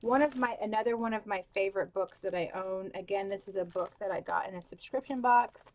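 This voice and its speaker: Young adult woman, book vlogger, casual gushing chat full of fillers, mid pitch, hiccuping. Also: fairly quick. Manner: gushing, filler-heavy, with many "like" and "um". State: has the hiccups.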